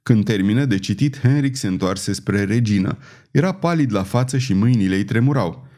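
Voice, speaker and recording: A man narrating a historical novel as an audiobook in an even, measured reading. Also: on the low side. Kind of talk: scripted narration.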